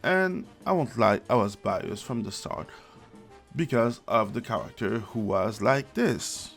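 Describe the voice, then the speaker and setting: Male video commentator with a gravelly, unhurried delivery, blunt and sarcastic. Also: lowish voice, lively intonation, a bit bright. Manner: blunt, sarcastic, swears freely, laughs mid-sentence. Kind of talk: casual opinion commentary. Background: background music.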